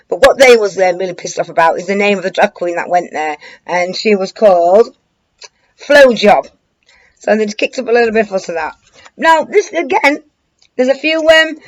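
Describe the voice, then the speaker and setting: A woman's voice: a little high, poor audio. A British woman giving informal commentary to an online audience, rambling and colloquial, with a hesitant, searching delivery. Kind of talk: informal news commentary to camera.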